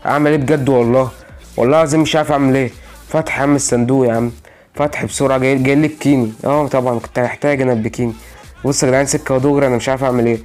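A young Egyptian man talks at breakneck speed in gaming commentary, his voice sitting at an ordinary middle pitch. He sounds exasperated, repeating the same phrases over and over as he pleads with the game. Faint music plays behind him. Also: fairly even intonation, rapid-fire, darkish tone. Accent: Egyptian Arabic. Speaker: gaming channel host. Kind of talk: gaming commentary while opening loot boxes.

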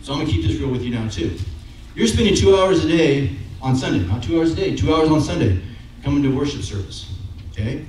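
Speaking fairly quickly with lively intonation, a middle-aged preacher uses a fairly high but darkish-toned voice. He moves around the stage with a handheld microphone, chatting through his sermon and checking in with "okay?" and "right?" The sound comes from a far camera in a very echoey church sanctuary with a brick wall, plus faint noise.

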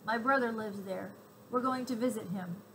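A woman reading aloud, voicing a calm, gentle mother speaking to her daughters. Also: a little high, moderate pace, slight background noise, rough recording. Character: calm, warm mother of two girls.

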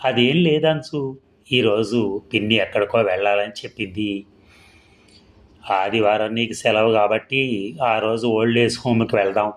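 A man's voice: on the low side, fairly even intonation, measured pace, pauses often, close to an everyday voice. A man voicing an awkward, evasive middle-aged father with a coaxing manner.

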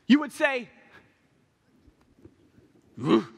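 A young man preaching a passionate, animated sermon from a church pulpit, acting out what people say. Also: very high-pitched, very slow, vocal fry, breathy edge. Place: large church stage at a pulpit. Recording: long reverb of a large hall.

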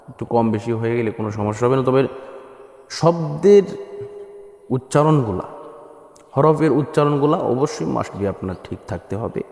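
A man from Bangladesh teaching the azan, who explains plainly and then sings long drawn-out chanted phrases as examples. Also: mid-range voice, darkish tone. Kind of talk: spoken lesson with chanted examples. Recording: echoey room with long reverb.

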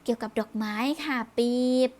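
A woman with a darkish tone and moderate pace teaches primary school children in a recorded review lesson. She speaks patiently, repeats words, and closes her phrases politely.

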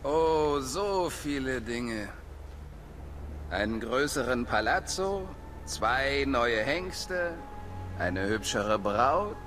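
A man voicing an arrogant, sneering young nobleman villain in a German game dub, taunting in a drawn-out mocking way. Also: medium pitch, expressive. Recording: game audio with loud music behind.

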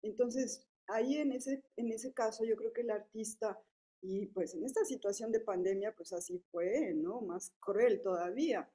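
A woman's voice: mid-range voice, unhurried, dark tone. A woman in her fifties with a Mexican accent, speaking casually as a panelist at a forum, with many fillers and tag questions. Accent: Mexican Spanish. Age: 50s. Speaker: panelist at a public policy forum. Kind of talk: forum talk, conversational.

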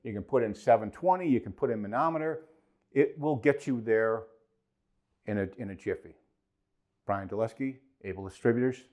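A man's voice: mid-range voice, normal speed, pauses often, darkish tone. Male trainer, 40s, emphatic product explainer, lapel mic in a small studio. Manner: emphatic, gestures a lot, repeats key points. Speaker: HVAC trainer for a distributor. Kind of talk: product demo and technical explainer. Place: indoor studio with whiteboard and acoustic foam.

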